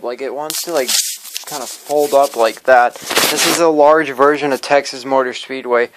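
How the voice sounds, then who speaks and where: A man with a slightly high voice casually shows off his hobby collection in a show-and-tell vlog, with background noise audible. He rambles and stumbles over his words as he goes along.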